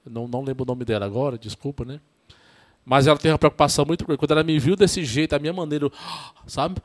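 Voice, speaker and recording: Chatty priest with a northeastern Brazilian accent. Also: male voice, fairly high pitch. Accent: northeastern Brazilian (Ceará). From Ceará, northeastern Brazil. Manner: halting and repetitive, tags "né?" often, restarts. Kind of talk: casual podcast interview storytelling.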